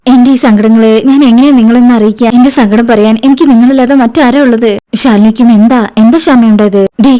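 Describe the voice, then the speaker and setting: A woman's voice: a little high, mellow. A woman, retelling a TV serial episode and voicing each character's lines in turn. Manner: narrates and acts out each character's lines in quotes. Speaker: serial recap narrator.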